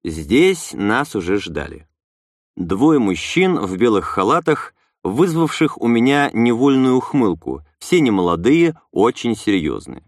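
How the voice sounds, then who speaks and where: A man narrating a first-person audiobook with a wry, expressive reading. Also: mid-range voice, unhurried, dry recording, studio quality.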